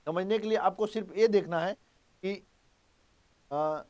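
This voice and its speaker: A man with a high-pitched, unhurried and slightly mellow voice teaches an exam-prep grammar lesson. He is emphatic, repeats key points and quizzes his students along the way.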